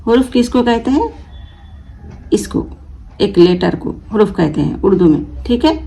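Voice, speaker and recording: A woman's voice: mid-range voice, lively intonation, measured pace, gravelly, dark tone, poor audio. A woman teaching a reading lesson, who patiently sounds out letters and asks questions that she then answers herself. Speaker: Urdu teacher.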